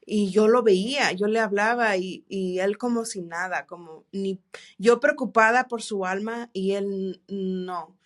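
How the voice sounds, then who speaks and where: A woman telling her faith testimony in an interview, earnest and halting, with many restarts and English words mixed in. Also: medium pitch. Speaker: interview guest. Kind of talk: testimony in a church podcast interview.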